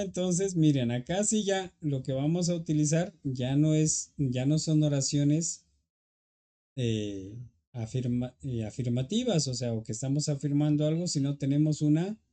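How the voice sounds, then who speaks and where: A man's voice: fairly high pitch, warm tone. A man teaching an English grammar lesson, patiently explaining and checking in with students.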